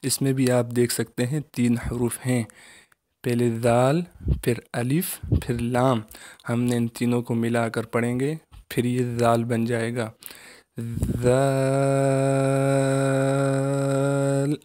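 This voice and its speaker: Patient, flat-voiced male Quran teacher. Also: medium pitch. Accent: Pakistani Urdu. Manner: patient, repeats each letter slowly and drawn out. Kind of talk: children's recitation lesson.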